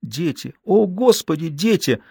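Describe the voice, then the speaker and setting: A man's voice: fairly high pitch, expressive, measured pace, creaky, husky, dry recording, studio quality, pitched above the performer's own voice, exaggerated voice. A man reading the lines of a terrified young mother trapped in a house fire, calling urgently to her children. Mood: frantic. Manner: urgent shouted pleas.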